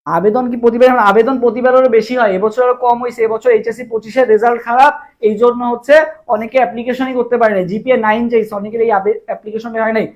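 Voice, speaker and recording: A man's voice: extremely high pitch, fairly even intonation, very fast, darkish tone, muffled recording. A young man with a Bangladeshi Bengali accent tutoring for an admission exam in a live online lesson, quizzing viewers over and over and drilling answers with memory tricks. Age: young adult.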